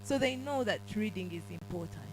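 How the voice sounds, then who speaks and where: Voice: medium pitch, animated, fairly quick, faint music behind, rough recording. A teacher and parent speaking earnestly at a book launch, encouraging families to read together.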